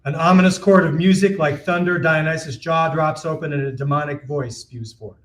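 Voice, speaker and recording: A man's voice: fairly high pitch, moderate pace. A man reading stage directions aloud in a plain, matter-of-fact way during a play reading. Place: theater stage. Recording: roomy echo.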